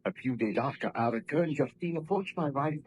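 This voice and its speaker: A man's voice: medium pitch, lively intonation, a little fast, slight background noise, close to an everyday voice. An actor playing an earnest, courteous young male scientist with formal, theatrical diction in 1930s radio acting. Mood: recounting. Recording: dull 1930s radio recording.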